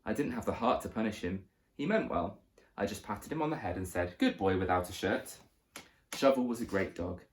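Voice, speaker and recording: A man reading a children's story aloud as narrator, with lively, expressive storytelling. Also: lowish voice, brisk.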